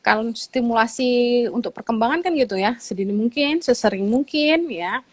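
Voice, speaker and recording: A woman's voice: fairly high pitch, animated, normal speed. A woman doctor, a guest on an online talk show, explaining patiently in a conversational way with frequent fillers.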